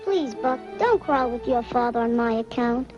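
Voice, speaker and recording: Gentle young sweetheart, female actor, pleading 1930s western delivery, dull soundtrack with music. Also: a little high, animated, moderate pace, lightly acted. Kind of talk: 1930s western film acting. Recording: muffled old 1930s film soundtrack, music behind.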